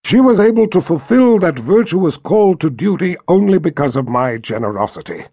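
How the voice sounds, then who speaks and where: A man voicing a brooding, jealous tyrant emperor with a deep rumbling voice, speaking slowly and menacingly. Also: very animated, mellow, breathy edge, no room sound, clean studio sound, full character voice. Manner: slow, low and menacing.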